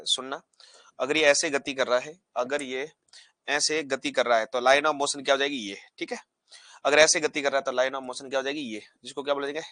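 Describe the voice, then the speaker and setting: A man's voice: medium pitch, no room sound, clean studio sound. A man teaching a physics lesson, asking the class questions and repeating key terms back as answers. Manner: animated, acts out particles pushing apart.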